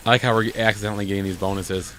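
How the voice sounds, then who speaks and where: Coughing through a bad cold, a man co-hosts a gaming video with casual, joking commentary and dry sarcasm. His voice is fairly low and level in tone, and he speaks very fast in a noisy room with game sounds playing behind him.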